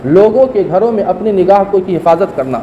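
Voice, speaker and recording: A man preaching a Friday sermon, emphatic, repeating key phrases and reciting Arabic verses quickly. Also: high-pitched, animated, dark tone, lo-fi sound, slight background noise. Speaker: mufti preacher.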